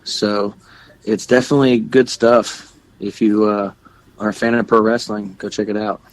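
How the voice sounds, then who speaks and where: A man's voice: lowish voice, flat delivery, normal speed, dry recording, low-quality recording. A young man co-hosting a wrestling podcast, talking casually and rambling with many restarts. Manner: plugs shows and websites. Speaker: podcast co-host. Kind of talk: casual chat.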